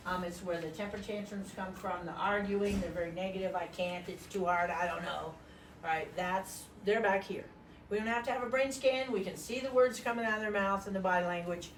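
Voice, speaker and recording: An older woman giving an animated training talk to parents, telling stories and acting out voices as she explains. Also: medium pitch, brisk, a little hiss or hum. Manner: lively storyteller, acts out voices.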